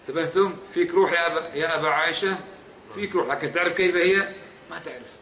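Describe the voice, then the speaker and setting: A man's voice: fairly high pitch, rapid-fire, fairly bright tone, a little hiss or hum. A man teaching as an Islamic scholar in a religious lecture, emphatic and repeating points, pressing the audience with rhetorical questions. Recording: echoey hall with faint ambience.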